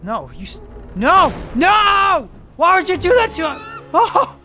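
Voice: extremely high pitch, very animated, slow pace, over loud music, full character voice. A performer voicing a tusked walrus character who hosts game videos and yelps and shrieks at the game in playful commentary. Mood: excitable. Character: excitable tusked walrus gamer. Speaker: gaming video host. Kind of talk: let's play commentary.

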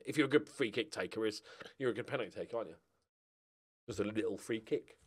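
A middle-aged gaming streamer offers casual, sweary commentary on a football manager game, addressing both his players and his viewers. His voice is fairly low and husky, and he talks quickly into a close desk microphone.

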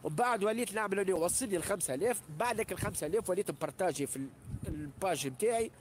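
A man's voice: high-pitched, animated, racing, slight background noise. A man with a Tunisian accent, ranting on a live stream and hurling insults, boasting and repeating himself with heavy swearing. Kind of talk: angry live-stream rant.

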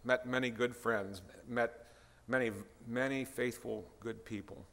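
A man's voice: medium pitch, fairly even intonation, measured pace, creaky, a bit bright, a little hiss or hum. A retired pastor in his sixties, preaching a guest sermon in a conversational way and calling out to the congregation. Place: church sanctuary. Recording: reverberant church hall.

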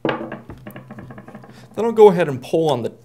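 Warm-toned and fairly high, this man's animated voice moves at a slow pace as he demonstrates a hands-on repair. He's a technician in his thirties at an indoor workshop bench, explaining methodically and plainly, with a little hiss or hum in the audio.

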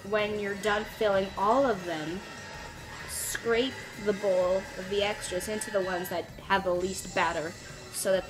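Speaking in a mid-range voice, the young vlogger chats through her baking video at home, sprinkling in "like" and "you know." The audio is poor, captured on a phone or camera at arm's length with music in the background.

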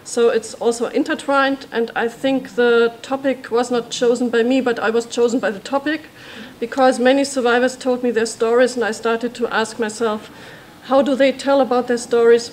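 A woman's voice: on the high side, fairly even intonation, moderate pace. A woman head of historical research introducing herself in a composed, reflective way in a seminar room. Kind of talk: self-introduction at an academic workshop. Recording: faint room noise.

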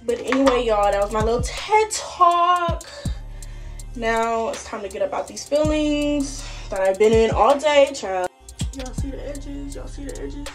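A woman's voice: high-pitched, measured pace, faint music behind. A young woman, a college student, talking casually and animatedly straight to her phone camera in a small room, full of slang. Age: young adult. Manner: chatty, slangy, animated, talks straight to viewers. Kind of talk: casual vlog talk to camera. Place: small indoor rooms, dorm and bathroom. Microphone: phone camera at arm's length.

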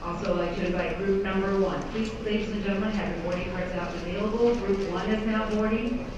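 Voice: medium pitch, steady tone, quick pace. Echoey, distant airport boarding announcement, androgynous voice. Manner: polite, formal, procedural. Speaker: airline gate agent. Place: airport departure gate over public-address system. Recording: muffled, very echoey public-address, distant, noisy terminal. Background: busy terminal ambience noise.

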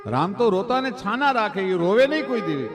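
A man with a Kathiawadi Gujarati accent telling a devotional folk story on stage, declaiming dramatically and swinging between loud peaks and hushed drops. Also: high-pitched, very animated, moderate pace, big-room sound, over music. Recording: live mix with violin accompaniment.

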